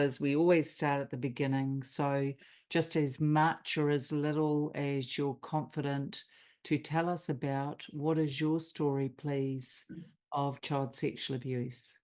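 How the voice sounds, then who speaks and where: An interview host introducing a guest and gently asking questions in a measured way. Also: medium pitch, flat delivery. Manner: measured and encouraging. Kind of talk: interview hosting.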